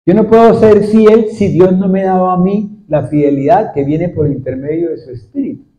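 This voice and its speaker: A male pastor preaching a sermon to a congregation, repeatedly asking them questions in a steady, repetitive cadence. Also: high voice, moderate pace. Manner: asks the congregation frequent questions. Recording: dull lo-fi recording. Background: seated congregation.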